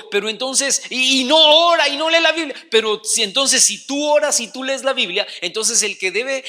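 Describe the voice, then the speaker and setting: Bright, high-voiced preacher. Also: male voice, long reverb tail. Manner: conversational and animated, addressing listeners as "hermano". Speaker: pastor. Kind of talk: sermon.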